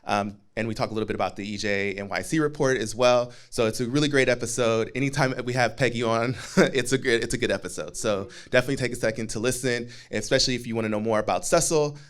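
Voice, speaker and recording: A man's voice: medium pitch, fairly even intonation, fast, few pauses. A chatty, jokey man making a casual announcement at a community meeting. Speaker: community organization speaker, podcast promoter.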